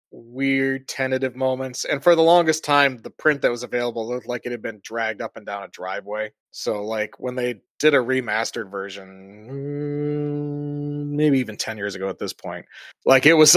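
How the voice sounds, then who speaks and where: Casual male podcast co-host, mid pitch, dry close mic. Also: no echo. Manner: chatty, self-deprecating, laughs often.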